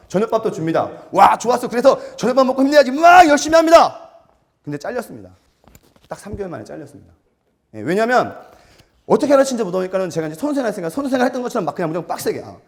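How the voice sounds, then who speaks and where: A man giving a storytelling seminar lecture, animated and self-mocking, acting out quotes and putting questions to his audience. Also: high voice. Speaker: lecturer for martial arts gym instructors.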